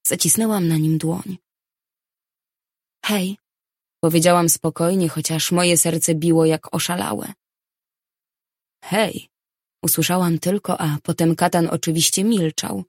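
A woman narrating a novel in the first person, reading in a measured, even way. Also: fairly low pitch, no room sound, clean studio sound. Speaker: audiobook narrator.

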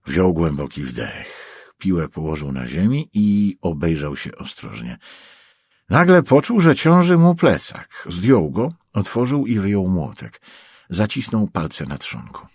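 A man narrating an audiobook with tense, measured storytelling. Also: deep voice, very animated, darkish tone, husky, no room sound.

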